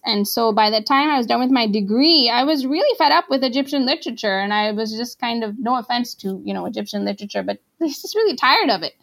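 Her voice is on the high side with a fairly bright tone. A translator from Pakistan whose first language isn't Arabic, she's an interview guest who chats casually, loading her talk with fillers such as "like" and "you know".

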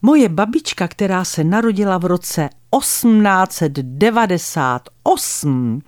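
An older woman calmly reading her own memoir with a wry storyteller's manner, close to a studio mic. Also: fairly low pitch, no echo. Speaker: memoir author and narrator.

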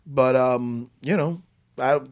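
A man's voice: mid-range voice, takes it slowly. A man from Long Island hosting a podcast, rambling and joking, swearing freely in casual chat. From Long Island, New York. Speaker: podcast host.

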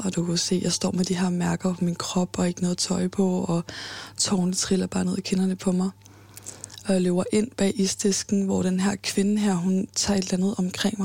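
A young woman in her twenties tells her story in a halting way, full of fillers and restarts. Her voice sits low and gravelly with little rise and fall. The recording is close and dry. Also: a little mellow, dry recording. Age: 20s. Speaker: interviewee. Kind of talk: personal account in an interview.

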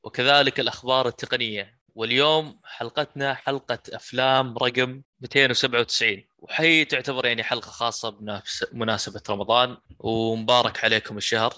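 A man's voice: mid-range voice, fairly even intonation, fast talker, bright, forceful tone, dry recording. A man with a Saudi accent hosting a casual podcast chat. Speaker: podcast host.

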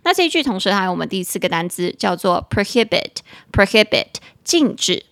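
Young woman podcast host, taiwanese mandarin accent, spells words out slow, laughy storyteller. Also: mid-range voice, big pitch swings, a bit bright, no room sound, clean studio sound. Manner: spells words slowly, laughs while telling stories. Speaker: podcast co-host teaching English. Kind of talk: casual chat with English lessons.

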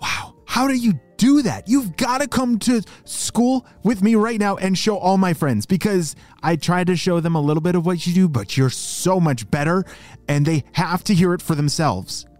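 A narrator doing a squeaky excited cricket boy. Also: normal speed, faint music behind, natural voice. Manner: breathless, gushing, high squeaky voice. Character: excitable young male cricket who raps. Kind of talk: storybook character voice.

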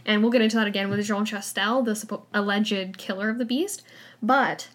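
A woman's voice: medium pitch, fairly even intonation, brisk, fairly bright tone. Chatty woman podcast co-host. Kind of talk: casual chat.

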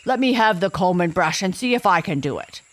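A woman voicing a male storybook lion, excited and eager. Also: lowish voice, fairly quick. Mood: delighted.

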